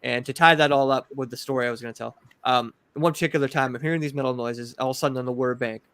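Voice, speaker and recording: A man from Massachusetts, a podcast guest telling paranormal investigation stories in a rambling, animated, filler-heavy way. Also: mid-range voice, rapid-fire, smooth, dry recording. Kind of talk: casual storytelling.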